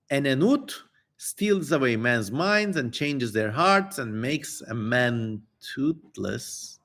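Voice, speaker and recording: This streamer's voice sits at a medium pitch and comes out pushed and bright. He performs an old text live, getting theatrical over the odd names and tossing in sweary, offhand remarks.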